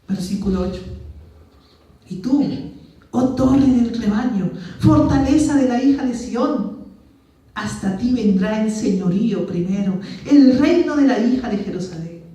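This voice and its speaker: Pastor guy preaching, lots of rhetorical questions, loud then hushed, far from the mic in a super echoey church. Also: very high-pitched. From Peru. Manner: emphatic, asks the congregation many rhetorical questions; swings between loud Scripture reading and hushed asides. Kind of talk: sermon. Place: church sanctuary.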